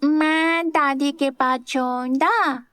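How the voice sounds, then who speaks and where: A woman voicing a small eager boy who talks slowly in a high childlike way. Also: steady tone, sharp tone, no echo, studio quality, exaggerated voice. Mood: excited.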